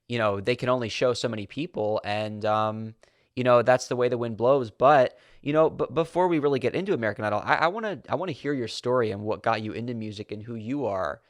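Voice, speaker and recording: A man's voice: medium pitch, fast talker, no room sound, clean studio sound. A man hosting an interview show, greeting his guest eagerly and enthusiastically. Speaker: podcast host. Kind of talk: casual interview.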